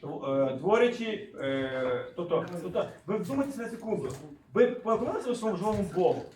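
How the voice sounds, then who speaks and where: A man delivers a sermon in a high, lively voice that swings widely in pitch. He keeps turning to his listeners with questions and rises to a shout at key moments. He is recorded from a distance in a roomy, echoing space. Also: fairly quick. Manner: animated, asks listeners questions, shouts for emphasis. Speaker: preacher. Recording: echoey room, mic far off.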